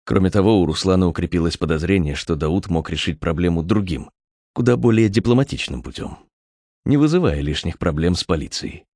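A man narrating an audiobook with a measured, expressive reading. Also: low voice, dry recording. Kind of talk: scripted narration.

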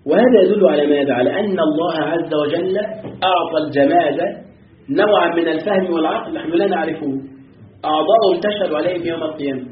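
A sheikh teaching Quran commentary chants verses and throws rhetorical questions at his students. His voice is fairly high and quick, with slight background noise, and the recording sounds echoey, distant, and lo-fi like a phone.

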